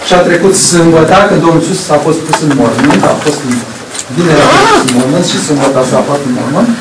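Slow-preaching man in an echoey church. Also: fairly high pitch, sing-song, heavy background noise. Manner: slow, deliberate preaching with long pauses. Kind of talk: sermon. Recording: roomy echo, distant from the mic.

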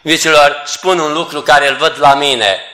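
A man's voice: on the high side, steady tone, pushed and bright. Earnest man preaching in an echoey hall. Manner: earnest, repeatedly addressing listeners as beloved. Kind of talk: church sermon. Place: church assembly hall.

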